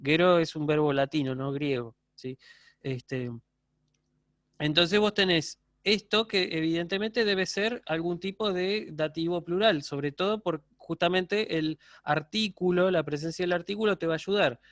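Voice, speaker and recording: A man with an Argentine Spanish accent giving a university lecture online, explaining patiently and often checking in with a quick "¿sí?". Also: on the high side, fairly bright tone, dry recording.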